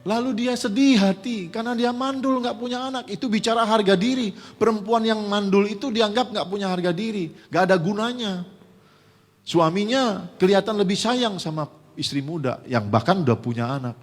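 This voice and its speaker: A man pastor delivers a sermon in a church sanctuary, talking with the congregation and asking them rhetorical questions. His voice is high-pitched and husky. It echoes with the long reverb of the hall. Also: moderate pace.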